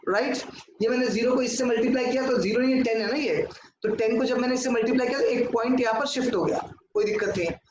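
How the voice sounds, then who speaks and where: A man teaching a lesson in a very high register, and he answers the questions he puts to the class. His voice rings around a hard, echoey room, and there is steady noise behind it. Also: fast talker. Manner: talks at a board, asks and answers his own questions, mixes in English. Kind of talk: classroom lecture.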